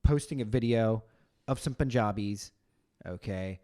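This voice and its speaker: A man co-hosting a comedy podcast, chatting casually in a quick, animated, teasing way with plenty of swearing. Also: fairly low pitch. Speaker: podcast co-host.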